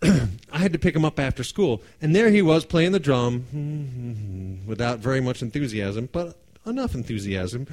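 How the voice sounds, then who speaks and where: A man tells a personal story with a lively, swooping delivery. He acts out the voices of the people in it and laughs often, and his voice sits at a middle pitch. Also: measured pace.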